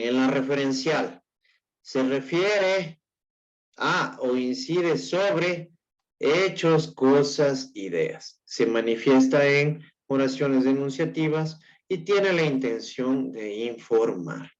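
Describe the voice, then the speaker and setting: A man with an Ecuadorian Spanish accent lectures to his class at an unhurried, deliberate pace. He explains step by step, keeps checking whether his students are following, and stumbles on and repeats words. The recording sounds dull and lo-fi. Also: mid-range voice. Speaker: teacher.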